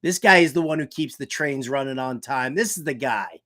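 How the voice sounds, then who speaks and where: A man with a mid-range, sharp-toned voice hosts a sports talk show from a shed used as a home studio. Speaking at normal speed, he gives casual comedic commentary, joking and theatrical, with emphatic repetition.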